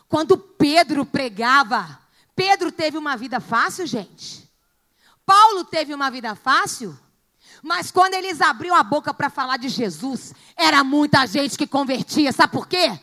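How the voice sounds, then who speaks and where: A woman pastor from Brazil, preaching a sermon in a church with rising fervor, rhetorical questions and bursts of shouting. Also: sits high.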